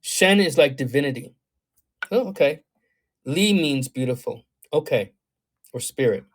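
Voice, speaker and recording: A man with a medium-pitched voice and lively, unhurried intonation gives astrology readings on a livestream. He wanders thoughtfully through his talk, full of ums and you-knows, reading viewer comments aloud and reacting to them as he answers the chat.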